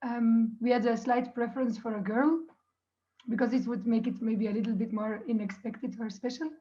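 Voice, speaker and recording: A woman's voice: a little high, steady tone, normal speed, mellow. A Dutch-speaking woman with a Dutch accent, casually telling stories as a documentary filmmaker. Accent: Dutch or Flemish. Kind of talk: casual interview storytelling. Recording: slightly muffled online-call audio.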